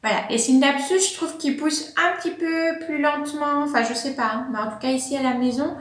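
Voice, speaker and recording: A woman's voice: high voice, brisk. A woman chatting casually to camera at home, a plant vlogger who fills her talk with little hesitations and laughs. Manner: chatty, many fillers and laughs. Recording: echoey room.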